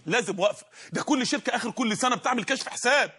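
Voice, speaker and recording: Egyptian male preacher, very high and bright, breathy edge, rapid and impassioned, rhetorical questions. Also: lively intonation. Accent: Egyptian Arabic. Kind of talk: sermon.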